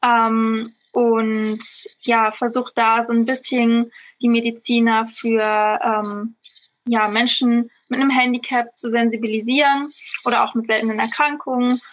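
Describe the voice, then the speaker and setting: A woman's voice: fairly high pitch, little pitch movement, unhurried. A woman in her twenties, a medical student and podcast guest, speaking thoughtfully with many fillers. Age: 20s. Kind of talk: casual interview.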